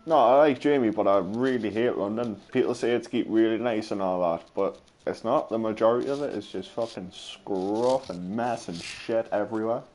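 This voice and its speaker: A man's voice: lowish voice, normal speed, hardly any pauses, a little mellow, a little hiss or hum. A young man chatting casually with friends while gaming, full of crude banter and swearing. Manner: banter-heavy, swears freely. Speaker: streamer.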